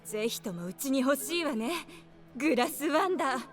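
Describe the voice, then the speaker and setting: An actress voicing a confident adult woman trainer who speaks briskly and assuredly in a game. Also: high-pitched, animated, soft background music. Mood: admiring. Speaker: veteran trainer.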